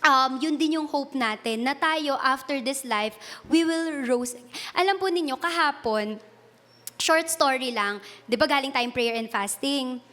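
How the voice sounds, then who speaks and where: Woman preacher, Filipino accent, high voice, earnest, code-switching sermon. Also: a little slow, a bit bright. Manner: earnest, switching between Tagalog and English; retells a personal story with laughs and self-corrections.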